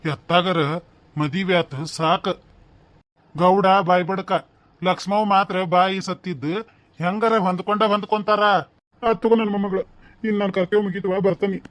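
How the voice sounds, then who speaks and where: A man's voice: high-pitched, fairly even intonation, normal speed, pauses often, a bit bright, no room sound. Weepy old village grandfather. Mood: fond, tearful. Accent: North Karnataka Kannada. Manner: fond, grumbling, pleading. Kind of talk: cartoon voice acting.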